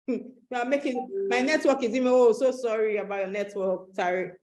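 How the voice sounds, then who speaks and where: A woman with a Nigerian accent giving a motivational webinar talk, animated, repeating phrases and asking the audience questions. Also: fairly high pitch, normal speed, poor audio. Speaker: webinar host and coach.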